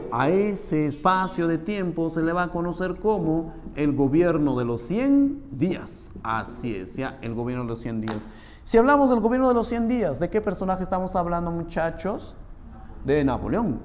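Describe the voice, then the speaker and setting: A man teaching a history lesson, asking questions and answering them himself, often repeating a tag phrase, swinging from raised to low murmured pitch. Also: a little mellow, a little hiss or hum. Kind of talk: classroom history lecture. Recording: long hall reverb.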